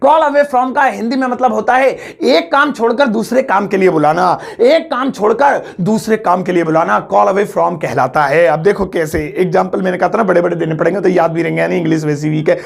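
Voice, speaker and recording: A man's voice: sits high, brisk, gravelly, hardly any pauses. A man with an Indian accent teaching English phrases in a jokey, chatty way, explaining in Hindi and switching into English examples. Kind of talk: casual spoken English lesson.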